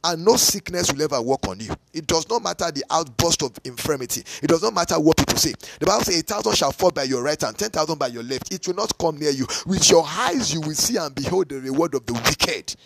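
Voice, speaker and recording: A man's voice: a little high, expressive, fast, vocal fry, hardly any pauses, a bit bright, a little hiss or hum. A man preaching a podcast sermon, emphatic and repetitive, answering himself with "yes" and "aha", and sometimes breaking into tongues. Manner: speaks in tongues at times.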